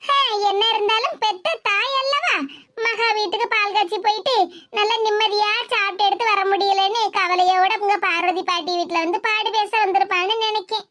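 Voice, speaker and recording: A woman's voice: very high-pitched, steady tone, normal speed, sharp tone. A woman voicing a dramatic, self-pitying grown daughter in a cartoon, with a Tirunelveli accent and a complaining manner. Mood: fretting. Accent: Tirunelveli Tamil. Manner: complaining, theatrical. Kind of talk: cartoon voice acting.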